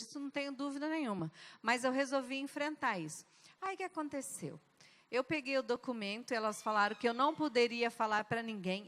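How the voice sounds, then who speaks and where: A woman's voice: high voice, a bit bright. A woman speaking as a guest at a church service, telling a personal testimony in an emphatic, dramatic way with sudden shifts of pace. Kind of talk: testimony told from the pulpit. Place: large church hall. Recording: long church-hall reverb.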